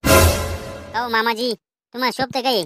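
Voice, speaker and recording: A woman voicing a scolding middle-aged village mother in a cartoon comedy, with a Vidarbha Marathi accent and a shrill, nagging tone. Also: fast talker, over loud music, natural voice.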